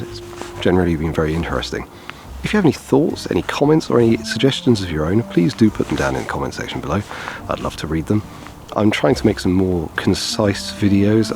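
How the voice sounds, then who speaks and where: In a low voice, a man in his thirties who photographs wildlife walks along a grassy path beside a wetland, explaining technique for an outdoor vlog tutorial. He sounds a little weary and gestures while talking. Behind him is outdoor noise, including far-off chainsaws and traffic.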